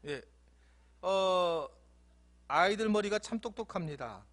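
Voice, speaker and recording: A man's voice: high voice, animated, slow, a bit bright. A male pastor preaching a sermon in a church, playful and often laughing.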